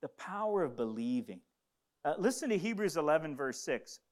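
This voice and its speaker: A man's voice: on the high side, very animated, normal speed, a little mellow. A middle-aged man who grew up in the Congo, preaching a sermon and repeating key phrases with stammered emphasis.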